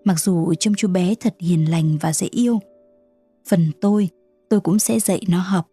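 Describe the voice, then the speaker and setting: A woman's voice: on the low side, normal speed, warm tone, breathy edge, soft background music. A woman voicing a stern old male street performer in a storybook reading, with curt, commanding speech. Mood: earnest.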